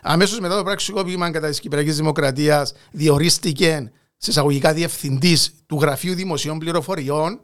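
Cypriot greek guy telling history on a chat show, bit higher voice, stops and starts a lot. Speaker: podcast co-host narrating history. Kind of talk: conversational storytelling.

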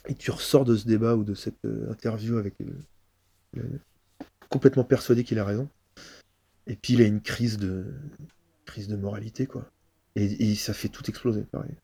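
Man, improv guest, casual interview, mellow warm voice, halting speech. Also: on the low side, fairly even intonation, gravelly, slightly rough. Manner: halting, many restarts while thinking aloud.

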